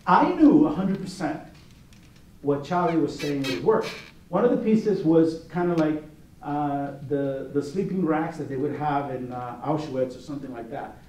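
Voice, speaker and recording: A man with a slightly high, somewhat mellow voice speaks at a normal speed as juror of an art competition. His informal gallery talk is full of restarts and anecdotal asides. The recording has roomy echo, a distant mic, and faint noise.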